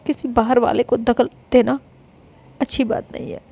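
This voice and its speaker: A woman voicing a tearful, defiant older sister about to be married, pleading and accusing in halting repeats. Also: on the high side, fairly even intonation, creaky, dark tone, husky, voice pushed down. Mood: stern. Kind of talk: dramatized story reading.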